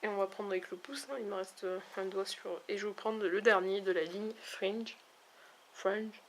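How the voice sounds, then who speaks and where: A woman with a mid-range voice talks casually while swatching eyeshadows. She chats along hesitantly, filling pauses with small fillers. A faint noise sits behind her home recording. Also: medium pitch, fairly even intonation. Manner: chatty, hesitant, many fillers. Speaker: beauty vlogger. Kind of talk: casual makeup swatch review. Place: at home, near a window with backlight.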